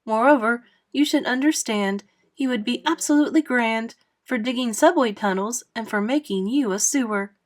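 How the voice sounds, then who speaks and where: A woman's voice: on the high side, normal speed, lightly acted. A woman voicing a cheerful, polite small boy in a storybook, eager and proud, with a lilting delivery. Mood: showy, eager. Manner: eager, lilting, recites in rhyme.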